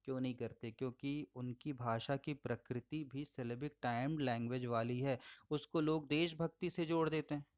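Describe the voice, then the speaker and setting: A man giving a recorded audio lecture, explaining patiently, addressing listeners as friends and slowing down to model words. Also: medium pitch, fairly even intonation, darkish tone. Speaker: English teacher.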